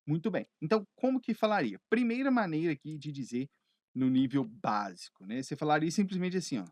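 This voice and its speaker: A man teaching English phrases in Portuguese, chatty and lively, asking himself questions and answering them. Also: a little high, a little fast, no echo.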